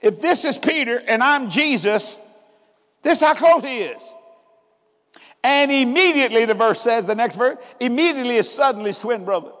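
High-voiced man in a hall. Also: expressive, moderate pace, fairly bright tone. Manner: preaching with call-and-response emphasis. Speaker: preacher. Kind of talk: sermon.

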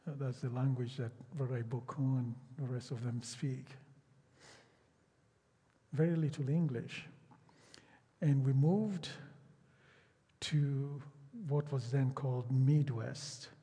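In a large hall, a husky Yoruba-speaking pastor from Nigeria delivers a sermon in a mid-range, mellow voice with fairly even intonation. He preaches slowly and emphatically, stretching out phrases and repeating himself.

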